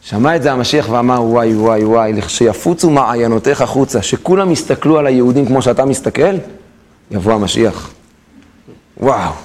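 Animated rabbi teaching a Torah class. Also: male voice, high-pitched. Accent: Israeli Hebrew. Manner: animated, asks questions to the class and acts out story voices. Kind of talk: lively Torah lesson with storytelling. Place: class in a room with listeners.

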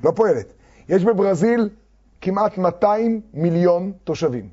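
A man teaching a Talmud lesson to a class, reading quoted texts slowly and then explaining them with fervor. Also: high voice, expressive, warm tone. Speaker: Torah teacher. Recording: dull lo-fi recording.

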